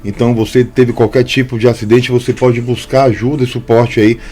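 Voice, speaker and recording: A man hosting a radio interview in a studio, speaking in a measured way and addressing listeners directly. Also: mid-range voice, flat delivery, mellow. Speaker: radio host.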